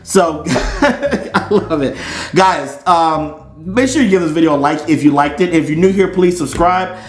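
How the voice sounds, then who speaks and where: A middle-aged American unboxing host speaks a little slowly in a slightly high, animated voice, playing the casual comedy in a theatrical way. Faint music sits behind him. The small indoor studio set sounds roomy and echoey.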